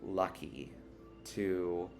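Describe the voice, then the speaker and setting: A tired man answering tag questions in a relaxed, rambling casual chat at home, yawning now and then. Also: sits low, drawn-out words, vocal fry, over music. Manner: relaxed, rambling, with fillers and restarts. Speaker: witchcraft vlogger answering a tag. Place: one-bedroom apartment.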